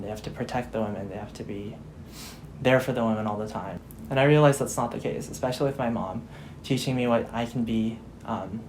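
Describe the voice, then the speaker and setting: A man's voice: on the low side, darkish tone, a little hiss or hum, low-quality recording. An eighteen-year-old man reflecting thoughtfully in a documentary interview.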